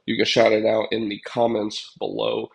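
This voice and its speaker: Speaking at a moderate pace in a lowish, creaky voice with a completely flat delivery, a congested young man hosts a casual livestream. He owns a pest control business and rambles to his viewers, filling gaps with lots of fillers.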